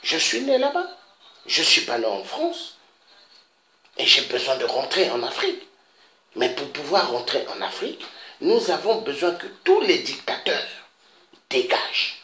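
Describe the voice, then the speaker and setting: Man from Africa, emphatic pleading appeal, slow deliberate delivery, echoey room with faint hiss. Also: a little high, wildly swooping pitch, sharp tone. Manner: emphatic, repetitive, pleading, with frequent interjections. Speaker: activist making a public appeal. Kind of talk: impassioned spoken appeal. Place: Paris.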